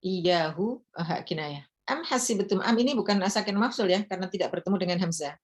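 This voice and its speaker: A woman lecturer teaching recitation rules, explaining each point and then chanting examples slowly and repeating words for her students. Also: mid-range voice.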